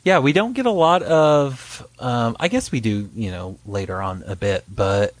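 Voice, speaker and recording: A man's voice: medium pitch, unhurried, no room sound. A man co-hosting a podcast, chatting casually and joking about a TV show, with plenty of fillers. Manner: laid-back, jokey, trails off in fillers. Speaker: podcast co-host.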